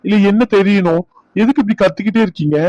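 Man playing a defiant young doctor, high voice, fast and exasperated, dry studio sound. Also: a little mellow, dry recording, lo-fi sound. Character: irritated grown son, young doctor. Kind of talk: cartoon dub acting.

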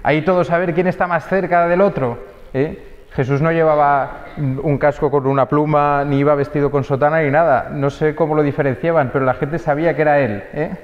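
Priest preaching in a reverberant church. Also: male voice, fairly high pitch, fairly quick. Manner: lively storytelling, acting out quoted voices. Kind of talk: sermon. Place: church during mass. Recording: dull church audio with long reverb.

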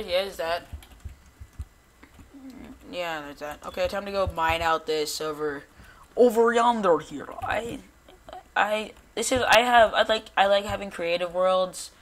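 A man giving casual gameplay commentary, rambling and chatty with many restarts and quick bursts of excitement at small finds. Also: on the high side, slight background noise. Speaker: gamer recording gameplay.

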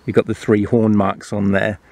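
Dude doing a chill toy review outside, kinda low voice, bit of fry. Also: male voice, normal speed, no echo. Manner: relaxed, explanatory, fillers. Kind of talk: casual toy review narration.

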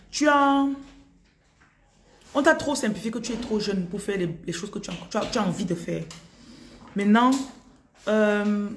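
A woman's voice: mid-range voice, a little hiss or hum. Cameroonian lady doing a live spiritual reading on her phone, keeps calling out names, echoey room. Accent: Cameroonian French. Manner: calls out viewers' names repeatedly, gives direct advice. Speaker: spiritual reader on a live stream. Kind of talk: live-stream energy reading. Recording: roomy echo.

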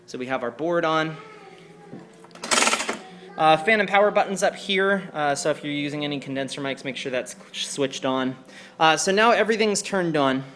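A man with a somewhat high, slightly bright voice demonstrates church sound equipment in an informal hands-on walkthrough, speaking hesitantly and pausing mid-sentence. He's in a carpeted indoor room, recorded on a handheld camera mic with clear background noise.

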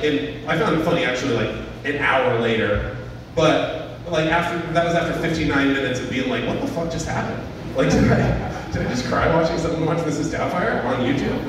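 A man's voice: a little high, background noise. A man in his thirties doing an open-mic stand-up set into a handheld mic, rambling with lots of fillers and self-deprecation. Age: 30s. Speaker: stand-up comedian. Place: small venue with a stage and audience. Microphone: handheld mic, filmed from a far camera. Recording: echoey room from a far camera.

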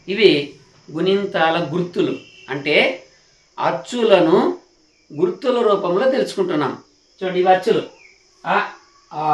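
A man teaching a beginners' grammar lesson, speaking slowly and patiently, repeating each point and checking that learners follow. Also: sits high, far from the mic. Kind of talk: classroom lesson. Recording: echoey room, voice from off the mic.

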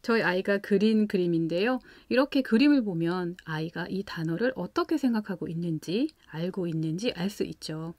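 A woman hosting a parenting channel walks parents through a children's vocabulary lesson. She explains calmly and patiently, step by step, with examples. The sound is close and dry, with no room around it. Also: on the low side, normal speed, hardly any pauses, no room sound. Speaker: parenting channel host teaching English at home.

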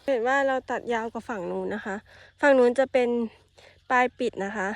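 A woman's voice: a little high, a little fast, dry recording. Thai woman explaining farm work. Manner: polite, explains step by step, adds soft particles. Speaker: farmer demonstrating field work. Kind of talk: casual instructional talk.

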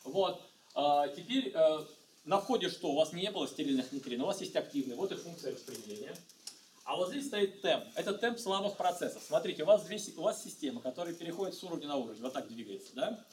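A middle-aged man giving a university physics lecture, talking in a halting way with many fillers and restarts. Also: on the high side, expressive, a little hiss or hum. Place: lecture room. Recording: echoey lecture hall, mic far off.

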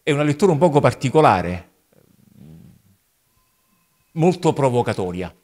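A man's voice: medium pitch, sing-song, moderate pace, a little mellow. A priest giving a catechesis talk to his parish, reflective and addressing listeners directly. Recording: long reverb of a large hall.

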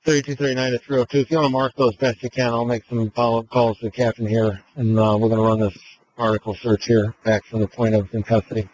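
A police officer, a man, giving calm, matter-of-fact radio updates in call codes over a police radio. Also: mid-range voice, fast, slight background noise. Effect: heard over a police radio. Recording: muffled radio transmission.

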